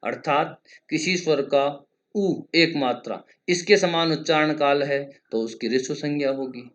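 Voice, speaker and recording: A male lecturer teaching Sanskrit grammar in a measured, explanatory way, stretching vowels to show their lengths and chanting grammar rules slowly. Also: a little high. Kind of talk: exam-prep grammar lesson.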